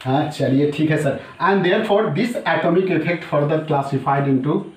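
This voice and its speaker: A man's voice: on the high side, drawn-out words. A middle-aged man teaching a chemistry class, chatty, repeating each term and calling his students sir. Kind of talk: classroom lecture. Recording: echoey room, voice from a distance.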